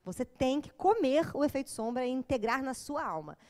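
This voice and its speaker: Psychologist lady lecturing a crowd, high voice, chatty and jokey. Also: brisk. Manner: lively, joking, acts out little quoted scenes. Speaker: psychologist giving a talk. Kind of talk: informal lecture to an audience.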